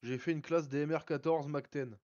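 A man's voice: a little high, fairly even intonation, moderate pace, darkish tone, dry recording, muffled recording. Man muttering through loadout menus. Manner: muttering menu picks aloud. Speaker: streamer building a loadout. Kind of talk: casual gaming commentary.

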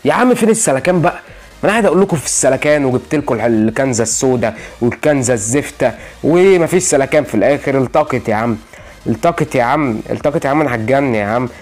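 A young Egyptian man talks at breakneck speed in gaming commentary, his voice sitting at an ordinary middle pitch. He sounds exasperated, repeating the same phrases over and over as he pleads with the game. Faint music plays behind him. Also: animated, rapid-fire, a little mellow. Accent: Egyptian Arabic. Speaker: gaming channel host. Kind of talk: gaming commentary while opening loot boxes.

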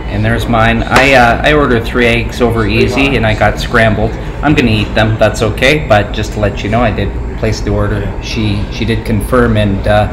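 A man's voice: on the low side, fairly even intonation, moderate pace, hardly any pauses, echoey room, background noise. A man in his forties co-hosting a casual breakfast review in a small cafe, speaking plainly into a phone camera. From Canada. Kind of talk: casual restaurant review chat. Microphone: phone camera at arm's length.

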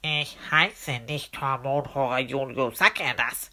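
A woman's voice: on the low side, animated, a little fast, breathy edge, pitched above the performer's own voice. Woman doing snooty scolding ghost boy. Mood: huffy. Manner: scolding, huffy. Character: rude bossy ghost boy, scheming and snooty.

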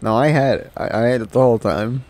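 A man's voice: mid-range voice, fast talker, a little mellow. A man casually chatting and joking while playing a game on stream. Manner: laid-back, joking. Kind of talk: casual gameplay chat.

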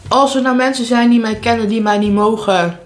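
A woman's voice: fairly high pitch, fairly even intonation, brisk. A young woman in a casual mukbang vlog, chatting candidly and informally between bites in a room at home. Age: young adult. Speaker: vlogger. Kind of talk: casual chat while eating, mukbang vlog. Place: living room at home, indoors. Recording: echoey room, clear background noise.

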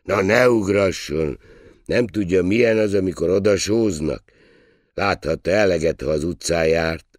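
An older man voicing a tough, sleepy young sailor-waiter who talks loud, blunt and drawling. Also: low voice, dry recording, clean studio sound, pitched above the performer's own voice, natural voice. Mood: brash.

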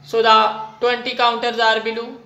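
A maths teacher with a Pakistani accent giving a whiteboard lesson in halting, piecemeal phrases, voice of unclear sex. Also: mid-range voice, completely flat delivery, sharp tone, highs cut off. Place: indoors at a whiteboard. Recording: echoey room.

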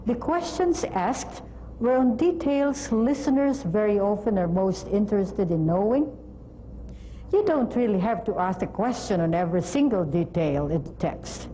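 A middle-aged woman presenting a scripted lesson in a measured, deliberate, instructional way. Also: medium pitch, warm tone, a little hiss or hum, low-quality recording. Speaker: presenter of an educational program on language testing. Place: TV studio.

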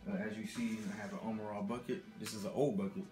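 A fast-talking young man from Texas, fairly low and darkish in tone with a steady delivery, loosely rambles about car care products with lots of fillers. He records on a laptop mic indoors in a dim apartment living room; it sounds reverberant, with faint music behind.

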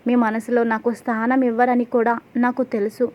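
Lady reading as a young wife, flat even voice, kinda dull sound. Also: fairly high pitch, moderate pace, close to an everyday voice. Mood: resigned. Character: young wife pleading with her husband.

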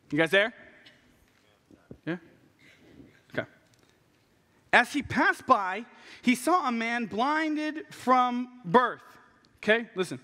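A young man preaching a passionate, animated sermon from a church pulpit, acting out what people say. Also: very high voice. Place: large church stage at a pulpit. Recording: long reverb of a large hall.

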